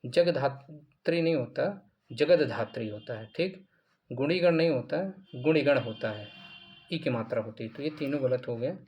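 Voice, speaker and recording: A man's voice: mid-range voice, animated, moderate pace, lo-fi sound. A male teacher walking through mock exam answers, repeating each answer and asking then answering his own questions. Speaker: Hindi grammar teacher.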